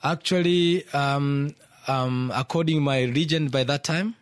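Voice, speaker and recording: A man from Tanzania, speaking as a radio interview guest in halting English full of fillers and restarts. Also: on the high side, no echo, studio quality. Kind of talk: hesitant conversational English.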